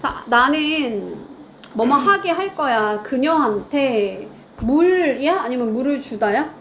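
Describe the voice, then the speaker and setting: A woman's voice: sits high, animated, takes it slowly, a bit bright, slight background noise. A woman teaching grammar in a lecture, quizzing her students and answering her own questions.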